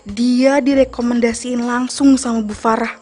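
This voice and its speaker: An actress playing a dismissive, businesslike office recruiter in a TV film. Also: female voice, on the high side, steady tone, normal speed, a little mellow, lightly acted. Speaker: office hiring staffer. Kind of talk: scripted TV film acting.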